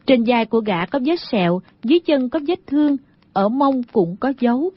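A woman's voice: on the high side, expressive, normal speed, no room sound. Woman narrating a martial-arts audiobook. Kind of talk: scripted narration. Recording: dull lo-fi audio.

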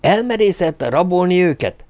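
A man's voice: mid-range voice, steady tone, clear, resonant tone, voice pushed up, lightly acted. A man voicing a frightened, fretful male official who stammers and turns near-hysterical. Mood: indignant. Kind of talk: audiobook character voice.

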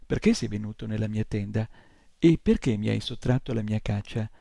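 A man's voice: fairly low pitch, moderate pace, creaky, mellow, dry recording. A man voicing a proud ten-year-old boy hunter who speaks curtly, in an audiobook reading. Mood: resentful.

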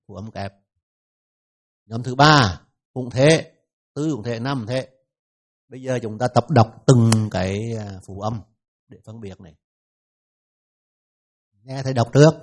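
A man with a Vietnamese accent teaching pronunciation in a classroom lesson, repeating each sound slowly for his students. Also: medium pitch.

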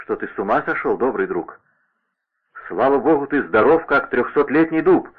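A man voicing a bold young male musketeer who speaks in brisk exclamations. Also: medium pitch, animated, husky, pitched above the performer's own voice. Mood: hearty. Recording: narrow radio-like sound.

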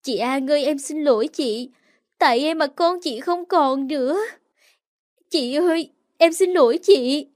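A woman voicing a frightened young woman who keeps apologizing in a high, pleading voice, in a read-aloud story. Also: moderate pace, hardly any pauses, no echo, clean studio sound, close to an everyday voice. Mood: tearful.

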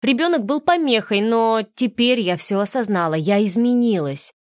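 Audiobook: woman voicing a manipulative, melodramatic seductress, high, coy and whiny, dry close sound. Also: animated, normal speed, no echo, close to an everyday voice. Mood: coquettish. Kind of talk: audiobook reading.

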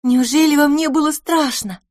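A woman playing a bossy, excitable little girl from a storybook, pitched well above an ordinary speaking voice. She is quick to take offence and says everything with a dramatic flourish, all heard dry and close. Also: dry recording. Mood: admiring. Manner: high, indignant exclamations.

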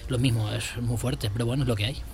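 A man's voice: mid-range voice, fairly even intonation, quick pace, vocal fry, background noise. A man with an Extremaduran accent, a chess and music teacher on as a guest, chatting casually and telling anecdotes with plenty of hesitations and repeated words. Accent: Extremaduran Spanish. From Extremadura, Spain. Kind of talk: casual chat.

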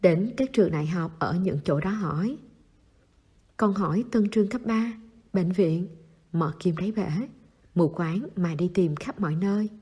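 A woman reading the part of a calm, reserved teenage boy who talks low-key and teases dryly. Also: measured pace, slightly rough.

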